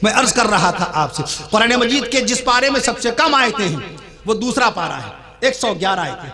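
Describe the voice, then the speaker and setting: A man's voice: high-pitched, very animated. A man preaching a sermon at a religious gathering, rousing and repetitive, calling on the crowd to respond. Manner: rousing, calls for crowd responses, repeats phrases. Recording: loud crowd behind.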